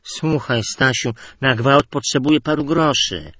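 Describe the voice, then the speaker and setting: A man's voice: mid-range voice, measured pace, a bit bright, no room sound, studio quality, pitched above the performer's own voice. A man voicing an eager middle-aged sports reporter pleading for a loan, in a read-aloud anecdote.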